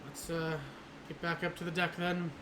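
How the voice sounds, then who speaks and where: A man voicing a firm, steady ship leader. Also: a little high, normal speed, lightly acted. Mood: resigned. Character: steady male ship leader, calls others boy. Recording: noisy background.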